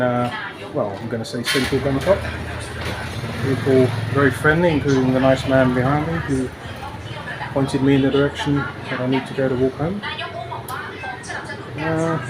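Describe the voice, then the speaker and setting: A travel vlogger rambles cheerfully through city streets and park paths, breathless from walking and using plenty of fillers. His pitch is ordinary. Traffic and city ambience run clearly beneath this outdoor recording.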